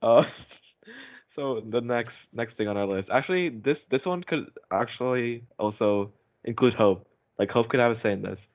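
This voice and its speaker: A young man hosting a podcast over a voice call chats casually, rambling and giggling. His voice is medium-pitched at a normal speed, and the call audio is dull and lo-fi.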